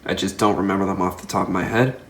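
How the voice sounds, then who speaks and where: A man's voice: sits low, steady tone, fast talker, a little hiss or hum. A seventeen-year-old young man talking casually through a gaming setup tour in his bedroom, rambling and chatty, filmed on a handheld phone. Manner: rambling, chatty, filler-heavy. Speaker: gaming YouTuber. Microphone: phone camera held in hand. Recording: echoey room on a phone mic.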